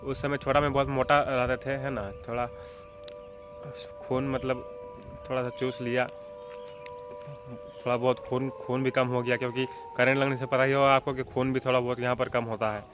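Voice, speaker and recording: A young man from Jharkhand, India, vlogging a casual childhood story in a rambling way, often checking in with the listener and clearing his throat. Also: mid-range voice, little pitch movement, moderate pace, over music. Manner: rambling, with frequent filler checks like "theek hai" and "hai na".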